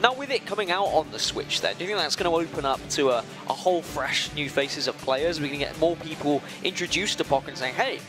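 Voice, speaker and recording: A man's voice: on the high side, expressive, fairly quick, few pauses. A man working as an esports caster, chatting through live tournament commentary. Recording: music playing behind the voice.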